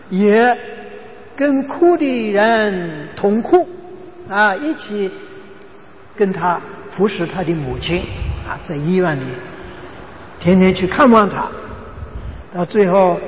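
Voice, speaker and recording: A male preacher telling a story in a sermon, earnest and emphatic, stretching out key words. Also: high voice. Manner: earnest, emphatic, drawn-out phrases. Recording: dull echoey hall with faint noise.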